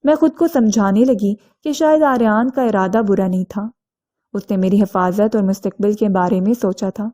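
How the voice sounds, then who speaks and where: Mellow-voiced woman telling a story. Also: mid-range voice. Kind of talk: scripted first-person narration.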